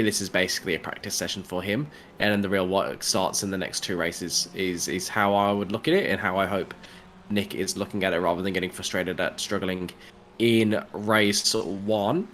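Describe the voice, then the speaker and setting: A man calls a sim race in a chatty, analytical way, breaking into light jokes. His voice sits a little low. A faint hum runs under the recording. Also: a bit bright. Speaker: race commentator. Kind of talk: sim racing commentary.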